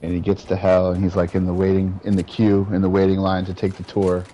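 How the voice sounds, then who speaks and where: A man in casual, profane chat while gaming, rambling through stories with a relaxed delivery. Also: deep voice, a little fast, highs cut off, a little hiss or hum. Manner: laid-back, profane storyteller. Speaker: gamer.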